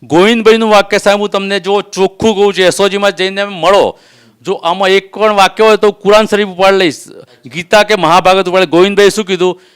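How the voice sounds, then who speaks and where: A man's voice: sits high, steady tone, fast talker, clean tone. A man giving an emotional, insistent testimony to a reporter, swearing oaths and acting out the threats made against him. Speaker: complainant doctor.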